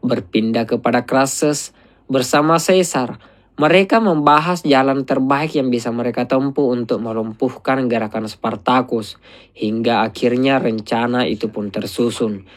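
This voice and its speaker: A man doing a steady, scripted voice-over that retells a film's plot. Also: medium pitch, moderate pace. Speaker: film recap narrator. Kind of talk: scripted narration.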